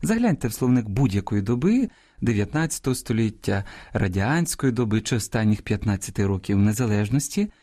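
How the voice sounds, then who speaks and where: A man hosting a radio language program, reading a scripted lesson in a measured, teacherly way and speaking straight to his listeners. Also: lowish voice, big pitch swings, dark tone, no room sound, clean studio sound. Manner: measured, didactic, addresses listeners directly.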